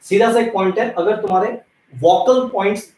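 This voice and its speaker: A man's voice: high-pitched, normal speed, darkish tone. A man from India teaching an English grammar lesson, explaining step by step and speaking directly to his students. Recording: echoey room, voice from a distance.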